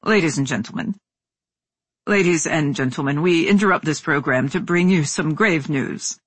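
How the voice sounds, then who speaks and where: A woman's voice: deep voice, moderate pace, breathy edge, no room sound, pitched below the performer's own voice. A woman voicing a shaken male radio news announcer with a formal broadcast delivery. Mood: grave.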